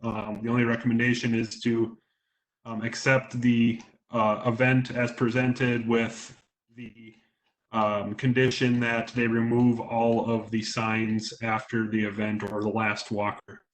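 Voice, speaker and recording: A man reporting to a council as its engineer, speaking over a video call that buzzes and breaks up into glitchy fragments. His delivery stays flat and even, with little rise or fall in pitch, and he is hesitant, with fillers between plain statements. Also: a little slow, rough recording. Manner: matter-of-fact, hesitant with fillers. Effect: choppy, breaking-up video call audio. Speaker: city engineer. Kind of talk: staff report at a council meeting. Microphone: remote video call.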